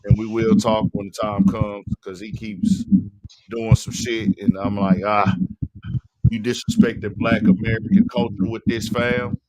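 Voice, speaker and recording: Slangy guy hosting a stream, kinda high voice, blunt and cussing, crowd noise behind. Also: low-quality recording. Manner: blunt, slangy, profane, repeats himself. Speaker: show host. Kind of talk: casual streamed commentary.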